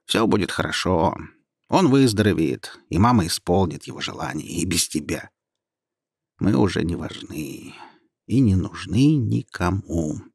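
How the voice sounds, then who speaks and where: Man voicing a snide know-it-all female ornament, patronizing, husky, dry close sound. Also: sits low, animated, normal speed, no echo, full character voice.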